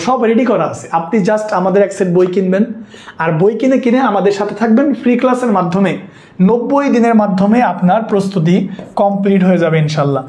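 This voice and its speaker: Guy teaching english grammar, high voice, keeps asking if u got it, echoey room. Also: darkish tone. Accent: Bangladeshi Bengali. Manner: keeps checking that students follow, repeats himself. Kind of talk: online exam-prep lesson.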